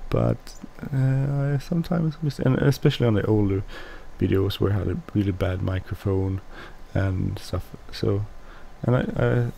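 A man whose first language is Swedish, speaking English with a Swedish accent as he hosts casual gameplay commentary, mumbling and halting with many restarts. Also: on the low side, gravelly, mellow, a little hiss or hum, rough recording. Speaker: let's play host.

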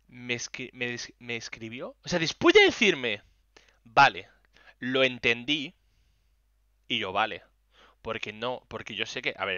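Bright-voiced Spanish streamer, swearing. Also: male voice, medium pitch, no echo, highs cut off. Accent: Spain Spanish. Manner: animated, exasperated storytelling with frequent swearing. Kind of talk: casual live-stream chat while gaming.

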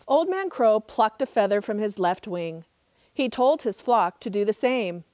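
A middle-aged woman, a park ranger, reading a trickster tale as expressive, measured storybook narration outdoors. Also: mid-range voice, no echo, clean studio sound. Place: outdoors in open desert.

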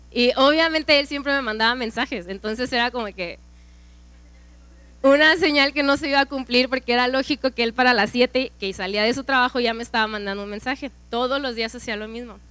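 A woman's voice: a little high, a little fast, pushed and bright, clean tone, dry recording. A young woman from Mexico with a Mexican accent, sharing a personal testimony at a church women's event, telling her story with lots of quoted dialogue. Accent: Mexican Spanish.

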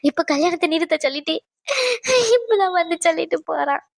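A woman voicing a soft-hearted, middle-aged mother of the bride in a cartoon drama, who speaks in a soothing, pleading way. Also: extremely high pitch, a little fast, gravelly, no echo, clean studio sound. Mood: tearful. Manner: soothing, then tearful and pleading.

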